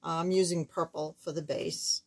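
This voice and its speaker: Craft tutorial host: older woman, lowish pitch, thin squeaky voice with some hoarseness, casual and halting. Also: steady tone. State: hoarse while recovering from surgery. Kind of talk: casual card-making demonstration. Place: indoors at a wooden craft table, camera overhead.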